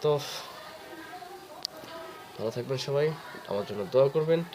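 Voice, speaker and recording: A man talking earnestly to the camera, encouraging learners with patient advice and drawn-out fillers. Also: medium pitch, background noise. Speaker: vlogger giving advice. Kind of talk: casual talk to camera.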